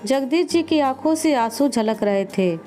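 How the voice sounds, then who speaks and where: Woman reading a story aloud, high voice, soft music under it. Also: lively intonation, unhurried. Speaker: narrator. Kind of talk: scripted story narration.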